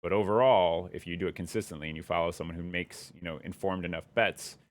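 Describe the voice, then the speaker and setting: A young man chatting casually on a live stream, rambling and thinking out loud as he follows his curiosity. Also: low voice, fairly even intonation, fast talker.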